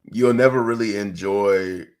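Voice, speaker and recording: A man co-hosting a casual livestream, relaxed, reading viewer questions from the chat. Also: fairly low pitch, measured pace. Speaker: podcast co-host.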